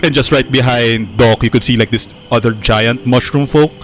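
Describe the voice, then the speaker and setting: A man in the role of dungeon master, narrating a tabletop game in a relaxed, unhurried way with many filler words. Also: mid-range voice, slight background noise.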